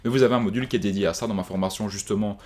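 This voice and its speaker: Fast-talking man giving a tutorial. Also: lowish voice, fairly even intonation, darkish tone. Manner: chatty, many fillers and restarts, addresses viewers directly. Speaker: online business trainer. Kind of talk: casual screen-share tutorial.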